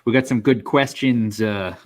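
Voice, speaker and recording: A man's voice: mid-range voice, unhurried. A man co-hosting over a video call, his voice muffled, staticky and echoing as if in a tunnel. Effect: muffled, staticky, echoing tunnel sound over a bad call connection. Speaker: co-host. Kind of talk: casual video-call interview.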